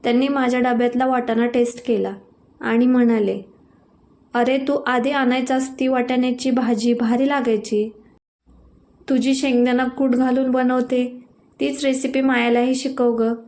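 A woman voicing a calm, sensible young husband in a storybook reading, speaking in a gentle, even tone. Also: very high voice, normal speed.

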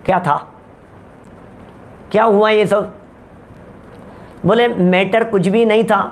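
A middle-aged man preaching a religious discourse. He tells everyday stories and keeps asking his listeners rhetorical questions. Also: high voice. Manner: storytelling with everyday examples, asks rhetorical questions.

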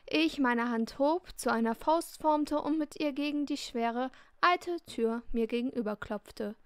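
Expressive woman reading a first-person novel. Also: high voice, smooth, no echo, clean studio sound. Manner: lively, expressive, indignant in dialogue. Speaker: audiobook reader. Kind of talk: first-person audiobook narration.

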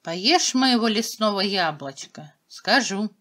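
Female narrator as talking storybook object, coaxing bargainer with animated melody. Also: medium pitch, slow. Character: talking stove, apple tree or river, bargaining fairy-tale helper.

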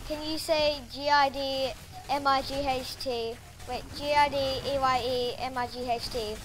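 A woman giving casual gameplay commentary, rambling and excitable, full of fillers. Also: high voice, unhurried, background noise.

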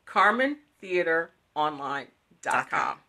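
A middle-aged woman who hosts, writes and produces an audio drama series talks it up in a relaxed promo chat, her phone held at arm's length in a small room. Low and sing-song, her voice is bright and forceful, unhurried, and full of enthusiastic repetition.

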